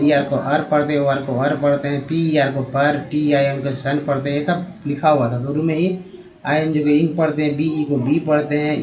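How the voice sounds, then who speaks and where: A man teaching English pronunciation in Hindi, spelling out letters and repeating each word slowly while addressing his viewers as friends. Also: a little high, a little mellow, dull audio.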